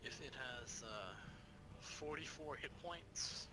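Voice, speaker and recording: Lively male tabletop player, noisy recording. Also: takes it slowly. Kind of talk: casual game-table chat. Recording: noisy room with low rumble.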